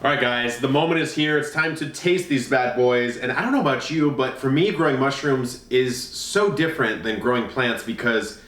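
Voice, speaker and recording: A man's voice: mid-range voice, normal speed, hardly any pauses, a bit bright, echoey room, distant mic. A man hosting a gardening channel, chatting easygoingly on camera while tasting food. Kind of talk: casual on-camera chat.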